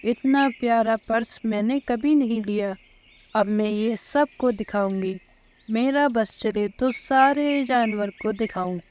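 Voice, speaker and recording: Lady doing a show-off parrot girl, excited and bragging. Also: a little high, slight background noise, natural voice. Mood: boastful. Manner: excited, boastful. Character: show-off female parrot, boastful.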